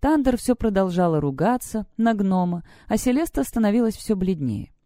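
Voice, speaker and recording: A woman reads a story aloud in an even, steady way. Her tone is mellow and soft-edged. The recording is close and dry. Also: mid-range voice, normal speed, no echo. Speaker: audiobook reader. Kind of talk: scripted story narration.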